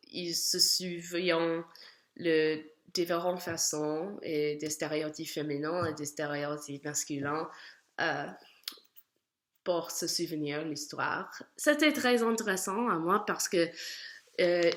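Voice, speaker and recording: Halting American woman speaking French. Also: sits low, fairly bright tone. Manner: halting, searching for words with many fillers. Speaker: student. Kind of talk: spoken class reflection.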